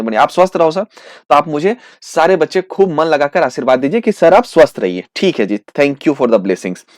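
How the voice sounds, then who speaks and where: Lively, animated male accountancy teacher. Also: on the high side, no room sound, clean studio sound. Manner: plays both teacher and student in a back-and-forth; repeats "the answer is" with slow drawn-out emphasis. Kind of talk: exam revision lesson.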